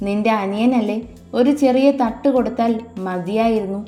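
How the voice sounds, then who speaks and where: A woman reads a stern old grandmother in a Malayalam storybook, scolding yet protective. The voice is mellow and a little high. It sits in an echoey room with faint music behind. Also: normal speed, lightly acted. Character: grieving protective grandmother, stern but tender.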